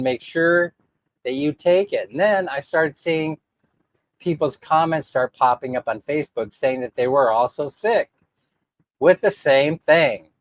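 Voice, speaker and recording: A man's voice: medium pitch, dry recording. A man talks casually to his livestream viewers, his voice throaty and clogged by a sore throat. He sounds congested and under the weather. The sound is dry and close, with little room around it. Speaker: livestream host.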